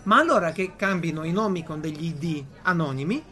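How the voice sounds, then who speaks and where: Animated Italian-speaking man chatting, repeating for emphasis. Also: fairly high pitch, brisk. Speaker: podcast host. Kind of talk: casual chat.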